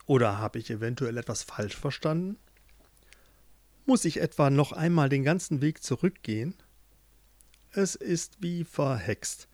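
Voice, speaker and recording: A man's voice: mid-range voice, expressive, measured pace, long pauses, a little mellow, dry recording, close to an everyday voice. A man voicing a desperate young man in a spoken fairy tale, earnest and anxious. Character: desperate young man searching for his love.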